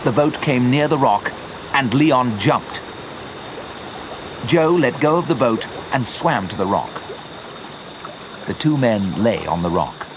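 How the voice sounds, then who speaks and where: A man narrating a simple story slowly and clearly for English learners. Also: medium pitch, background noise. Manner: slow, clear, expressive.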